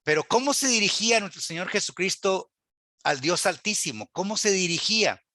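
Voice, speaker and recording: A man teaches a church Bible class in a high, bright voice. He asks rhetorical questions and quotes scripture aloud with earnest emphasis. The sound is dry and close. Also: animated, normal speed, no echo.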